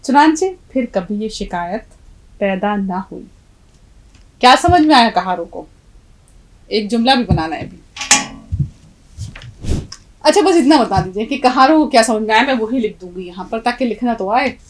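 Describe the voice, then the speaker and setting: A woman's voice: a little high, animated, slight background noise, low-quality recording. A middle-aged woman from India teaching an Urdu lesson, spelling words letter by letter and giving learners direct instructions. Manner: spells words letter by letter, slowing on each sound. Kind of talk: classroom language lesson.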